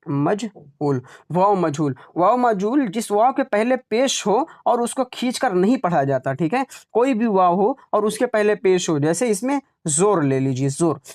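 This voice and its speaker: A man teaching an online Urdu exam class, repeating example words slowly and checking in with "right?" as he explains. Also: sits high, darkish tone.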